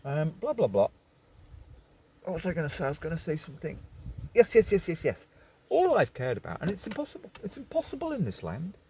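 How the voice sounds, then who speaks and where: A man's voice: a little high, wildly swooping pitch, quick pace, mellow, a little hiss or hum. A man talking into his phone camera from a parked vehicle, rambling and going off on digressions in a casual vlog. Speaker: vlogger.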